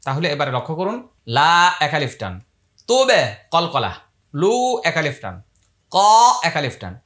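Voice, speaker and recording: A man teaching Quran recitation, chanting verses slowly and spelling out the rules between them. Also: fairly high pitch, big pitch swings, sharp tone. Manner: slow drawn-out chanting of Arabic verses, then brisk spelled-out explanation.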